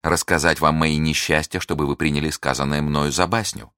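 A man's voice: a bass voice, fairly even intonation, brisk, bright, forceful tone, smooth, dry recording, clean studio sound, heavily acted. A man voicing a desperate, scheming noblewoman in an audiobook reading, pleading and accusing with passion. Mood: bitter pleading. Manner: impassioned, pleading then accusing.

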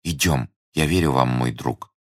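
Male narrator playing a fearful, secretive young woman: hushed, hesitant, quiet, dry booth. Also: extremely low pitch, measured pace, no echo. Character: young woman, anxious secretive lady in danger.

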